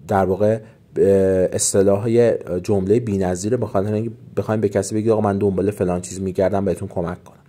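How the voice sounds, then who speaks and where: A man teaches English in a casual lesson, his voice mellow and pitched in an ordinary middle range. He says each English phrase slowly, then explains it quickly in a relaxed, chatty way. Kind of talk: casual spoken language lesson.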